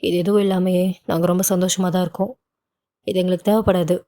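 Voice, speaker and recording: A woman voicing a proud, hot-tempered young husband who talks in a sharp, insistent way. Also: on the low side, flat delivery, fast talker, lightly acted. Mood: firm.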